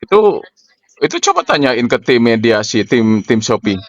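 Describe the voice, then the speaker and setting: A man's voice: mid-range voice, sing-song, normal speed. A man making a complaint by phone, insistent and repetitive, pressing with pointed questions. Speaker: caller, an online seller with a complaint. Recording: muffled lo-fi phone call.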